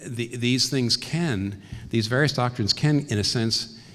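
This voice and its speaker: A man, a pastor, giving a reflective teaching talk and clearing his throat now and then. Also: medium pitch, a little slow, a bit bright, big-room sound.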